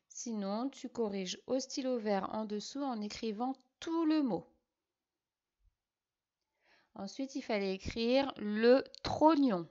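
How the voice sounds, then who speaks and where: Woman teacher, very slow syllable-by-syllable spelling, dull lo-fi sound. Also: medium pitch, a little mellow. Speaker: primary school teacher. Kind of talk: dictation correction lesson.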